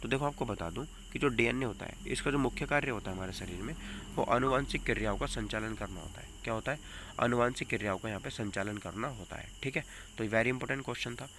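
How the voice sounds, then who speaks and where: This fast-talking man has a mid-range, fairly bright voice and a North Indian accent. He's leading an exam coaching lesson, asking rhetorical questions and repeating questions and answers to drive points home, with noticeable noise in the background.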